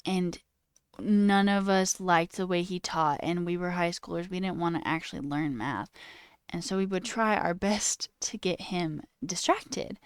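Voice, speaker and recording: Speaking in a fairly low, unhurried, clear and resonant voice, a streamer chats casually with her live chat. She drifts through stories on tangents, swears offhandedly and uses "like" often, heard through a dry recording on a corded headset mic.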